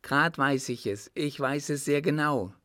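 A man reading aloud and voicing an eager, bright little boy who asks earnest questions. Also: a little high, unhurried, dry recording, clean studio sound, pitched above the performer's own voice.

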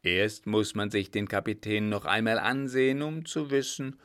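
A man voicing a sly, unhurried coachman who talks in a stubborn, mocking drawl. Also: lowish voice, steady tone, fairly bright tone, close to an everyday voice. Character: sly, unhurried old coachman, proud dog owner.

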